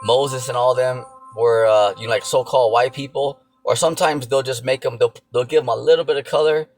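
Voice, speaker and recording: This religious teacher's sermon is informal, spoken fairly quickly in a steady, darkish mid-range male voice over background music. He says things more than once, uses lots of fillers, and keeps asking for the listener's attention with "okay" and "you know."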